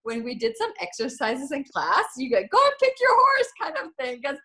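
A German woman in her thirties chats casually on a video call from her living room, her voice sitting high and her pace brisk. She's animated and giggly, her thoughts trailing off, and she's picked up by a computer microphone.

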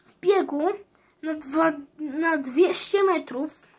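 A stern chief judge in a storybook, announcing the rules in a loud, formal tone, as a woman reader plays him. The voice stays high and measured.

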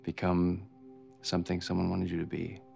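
A man in his thirties acts as an earnest young playwright declaring his love at a microphone in a cozy coffee shop, in a film drama with music underneath. His deep, creaky voice is completely flat and moderately paced, yet the delivery is heartfelt.

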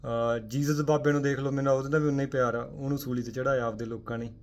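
Speaking fast with fairly even intonation, a man gives viewers a forceful Sikh spiritual talk full of rhetorical questions. He moves between loud, emphatic outbursts and low, quiet asides while mixing in English words.

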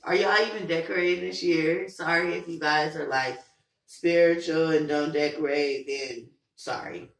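Hoarse woman vlogger chatting with viewers. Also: deep voice, fairly even intonation, normal speed. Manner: chatty, asks viewers lots of questions. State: hoarse from being sick. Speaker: vlog host. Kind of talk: casual chat. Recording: roomy echo, from far off the mic, faint noise.

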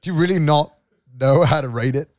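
A man's voice: fairly high pitch, a little fast, darkish tone, no room sound. A young man in casual stream banter, mocking and bossy, firing needling questions. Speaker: stream co-host.

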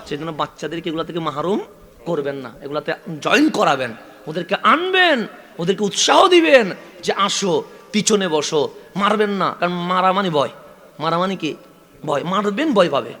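Bright-voiced Chittagonian preacher. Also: male voice, sits high, very animated, normal speed. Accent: Chittagonian Bengali. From Chittagong, Bangladesh. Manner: asks the crowd rhetorical questions and builds to loud, stretched climaxes; repetitive, call-and-response delivery. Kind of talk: sermon at a religious gathering.

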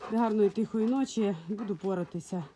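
A woman's voice: medium pitch, brisk, warm tone, a little hiss or hum. A woman from Ukraine, a dog breeder, talking casually in her vlog in a frosty yard, cooing and baby-talking to her dogs into a handheld phone.

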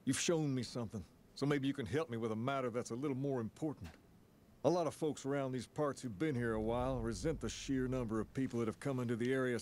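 A man playing a cool, self-assured gang boss in a video game, speaking in a measured, authoritative way. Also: mid-range voice, a little mellow, slight background noise, natural voice. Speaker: gang leader giving quests. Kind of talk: video game character dialogue.

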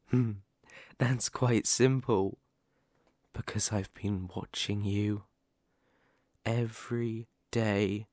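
A man plays a menacing werewolf in a dry, intimate ASMR roleplay delivered as a dramatic monologue, speaking right up close with no room sound. His mid-range voice has a darkish tone, and he goes slowly, leaving long, drawn-out pauses between phrases. Sadistic, possessive and obsessed yet tender, he carries an old wound beneath the threat.

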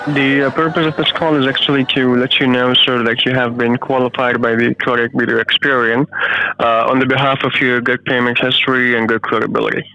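A man with an Indian accent reading a scripted sales pitch over the phone, hesitant and repeating words when pressed. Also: level tone, fairly quick, no room sound. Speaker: scam caller. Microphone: phone call. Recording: dull phone-line audio.

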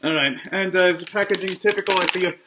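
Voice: mid-range voice, fast talker. Joking snack reviewer through a costume mask. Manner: jokey, rambling, self-mocking asides. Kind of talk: casual food review vlog. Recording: clear background noise.

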